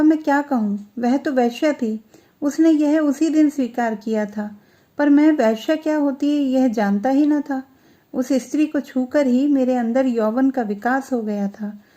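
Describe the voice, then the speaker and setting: A woman narrating a literary short story in a measured, expressive storytelling manner. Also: sits high.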